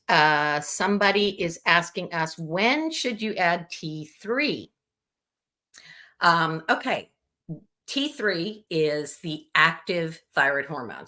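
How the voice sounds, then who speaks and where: Low bright-voiced woman answering questions. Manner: informative, explanatory, with frequent um and uh. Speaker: patient advocate answering viewer questions. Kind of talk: live Q&A.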